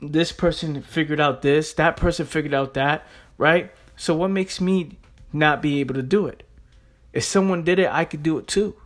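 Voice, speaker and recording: Rhetorical questions and offhand swearing punctuate an informal, emphatic motivational monologue from a young adult man with a streetwise, blunt style. He speaks at a normal speed with a fairly high pitch.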